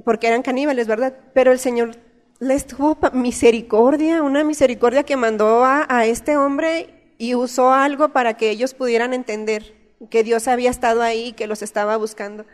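A woman's voice: a little high, steady tone, moderate pace. A woman in her thirties with a Mexican accent, giving an earnest, conversational sermon in a church, telling personal stories. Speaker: church speaker. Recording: long reverb of a church hall.

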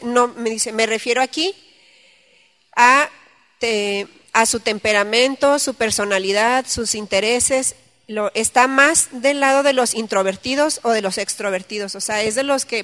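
High-voiced woman teaching a Bible class. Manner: animated, acts out quotes and anecdotes, laughs often. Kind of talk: conversational church teaching.

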